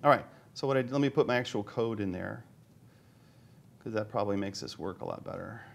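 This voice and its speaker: A man giving a live conference talk, demoing software on stage, joking with the audience and talking himself through each step. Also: lowish voice, fairly quick, vocal fry. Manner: joking, self-deprecating, thinks aloud while demoing. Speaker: conference speaker. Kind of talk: live tech talk demo.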